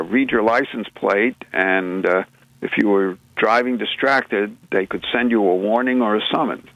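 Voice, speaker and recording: With a fairly low, gravelly yet fairly bright voice, a male radio co-host chats through the news, rambling, restarting, and dropping filler sounds. It's a casual radio talk show, recorded dry and sounding muffled.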